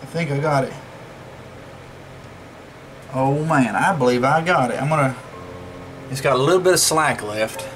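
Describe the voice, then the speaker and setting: A man with a medium-pitched, fairly bright voice talks at a moderate pace, pausing often, while hosting a DIY electronics repair vlog indoors at a work table. He thinks aloud in casual, folksy commentary as he works, captured in a home recording with clear background noise.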